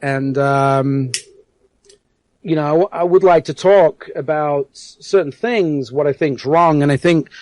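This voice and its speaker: A man's voice: on the high side, darkish tone, no room sound. A man from England with a hard-to-place English accent tinged with American, talking earnestly as a guest on an internet radio interview and often repeating words as he searches for them. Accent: hard-to-place English accent with some American. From England (South Yorkshire).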